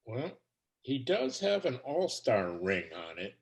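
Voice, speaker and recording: A man playing a smug, deadpan prankster colleague in a comedy play reading over a video call. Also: mid-range voice, slow, vocal fry, exaggerated voice.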